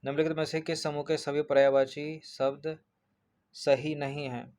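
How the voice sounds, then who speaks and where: A man's voice: a little high, flat delivery, normal speed, a little mellow. A man working through an exam paper as a teacher, going point by point, repeating each answer and checking in with his students.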